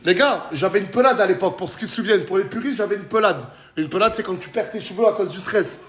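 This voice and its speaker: A man presents a casual vlog. He talks in excitable, familiar street slang, slipping easily between banter and product pitch. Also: fast. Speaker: vlogger and product promoter.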